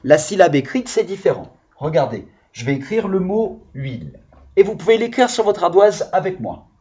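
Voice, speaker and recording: A man's voice: sits high, very animated, dark tone, breathy edge, lo-fi sound. Patient man teaching young children. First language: French. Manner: patient, slow and encouraging, stretching out key words. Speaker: primary school teacher. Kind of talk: recorded lesson for young children.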